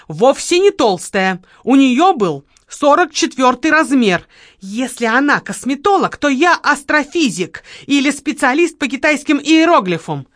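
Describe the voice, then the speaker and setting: A woman's voice: a little high, a bit bright, dry recording, studio quality, heavily acted. A woman reading an audiobook, voicing a hysterical young woman who shrieks and whines. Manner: shrieking, whining.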